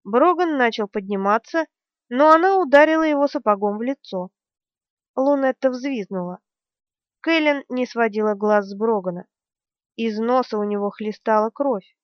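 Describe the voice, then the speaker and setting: A woman's voice: a little high, normal speed, no echo. A woman reading a fantasy audiobook with tense, vivid storytelling. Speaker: audiobook narrator. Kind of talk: dramatic fantasy audiobook narration. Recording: dry, dull lo-fi recording.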